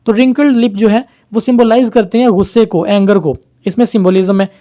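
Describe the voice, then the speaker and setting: A man's voice: high-pitched, fairly even intonation, a little fast, dark tone, highs cut off. A man teaching, explaining a poem step by step to viewers and mixing in English terms.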